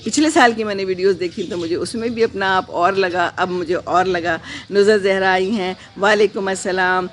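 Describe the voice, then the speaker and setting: A woman hosting a casual live stream from her garden, reading out viewer comments. She talks in a gentle, reflective, unhurried way with pauses, mixes in English phrases, and offers prayers and blessings. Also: mid-range voice. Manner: prayerful, sprinkles blessings and wishes.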